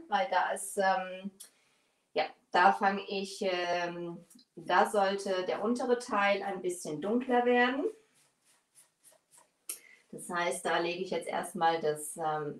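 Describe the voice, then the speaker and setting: Chatting away while she works hunched at her bench, a woman in her forties with a mid-range voice leads a live furniture painting tutorial. The small indoor workshop studio echoes, and with only a far camera and no mic in view, she sounds distant and off-mic.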